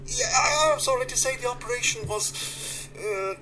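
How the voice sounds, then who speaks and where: An actor playing an overly smooth, too polite male robot butler in a video game, servile and self-satisfied. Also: extremely high pitch, moderate pace, a crowd in the background, rough recording. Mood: smug. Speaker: robot vault doctor.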